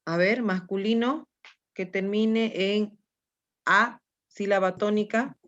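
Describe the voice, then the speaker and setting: Slow, patient woman teacher, lo-fi. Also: medium pitch, steady tone, fairly bright tone. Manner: patient, coaxing, with check-ins like "¿no?" and "mi amor". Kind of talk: grammar lesson with student questions.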